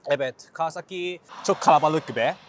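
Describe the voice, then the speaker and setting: A man's voice: fairly high pitch, normal speed, a little hiss or hum. A man in his thirties with a Japanese accent, chatting casually in hesitant, broken Turkish as a foreigner, in short simple phrases. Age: 30s. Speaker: interview guest, engineer. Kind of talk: casual on-camera chat. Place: outdoors, walking in a city.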